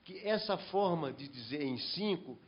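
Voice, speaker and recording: With a fairly high, husky, expressive voice, this man from the Brazilian Northeast talks a little slowly as a panel member. He gives long comments and frequently starts sentences over, while the recording drops the high frequencies.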